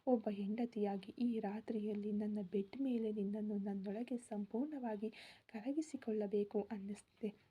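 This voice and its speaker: A woman voicing an amorous, headstrong young husband, speaking in a hushed, intimate way that flares into heated outbursts. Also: medium pitch, steady tone, normal speed, husky, lo-fi sound. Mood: hushed longing.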